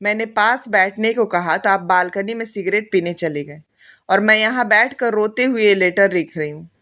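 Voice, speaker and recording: A woman's voice: medium pitch, normal speed, lightly acted. A woman reading as a sorrowful young wife. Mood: tender, sorrowful. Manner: soft heartfelt letter reading. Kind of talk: storybook narration.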